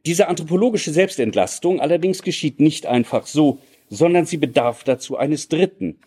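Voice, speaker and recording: Lecturer, male, formal and measured, dark husky tone. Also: fairly high pitch, animated. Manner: measured, formal and elaborate phrasing. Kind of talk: academic lecture.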